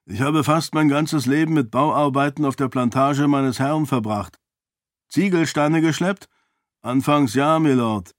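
A man's voice: fairly high pitch, a little slow, no echo, pitched above the performer's own voice, natural voice. Earnest laborer, respectful and plain, lifted a bit, voiced by a man, dry audiobook. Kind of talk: audiobook character voice.

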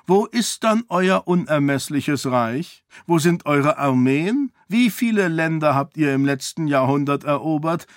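A man's voice: fairly high pitch, expressive, a little slow, hardly any pauses, dry recording, studio quality, voice pushed up. Man voicing a scornful mocking king. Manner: sarcastic, raised and pushing. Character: scornful middle-aged male king, impatient and mocking.

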